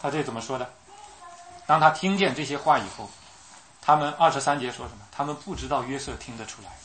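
Animated male preacher, faint hiss. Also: medium pitch, fast talker. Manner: animated, acts out voices of people he quotes; asks the audience questions, repeats himself. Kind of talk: sermon.

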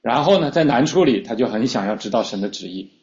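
A man's voice: mid-range voice, lively intonation, fast talker, darkish tone. A man preaching a sermon, teaching scripture in a conversational way with frequent fillers and repeated starts. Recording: slightly dull lo-fi recording.

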